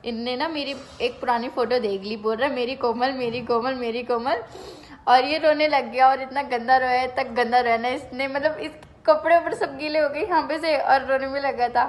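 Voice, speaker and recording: A young woman vlogs from her home and speaks into a phone camera. Her voice sits a little high. She chats casually and tells stories in an animated way, repeating words for emphasis. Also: fairly quick, few pauses. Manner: chatty, animated storytelling with repeated phrases. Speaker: vlogger. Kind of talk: casual home vlog chat. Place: at home, indoors.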